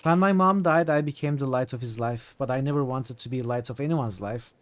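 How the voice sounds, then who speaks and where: A man's voice: medium pitch, brisk, natural voice. A man voicing a smug, teasing young female cult sorceress from a video game in a theatrical, mocking way. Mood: smug, defiant. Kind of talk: reading video game dialogue aloud. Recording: music behind the voice.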